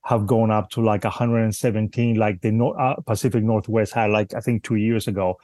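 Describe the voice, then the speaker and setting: A man with a fairly low, dark voice and steady tone speaks a little quickly, with no echo. Born in Cuba and raised in Spain, he's a guest bonsai artist in a casual interview chat, hesitant, restarting often and laughing easily.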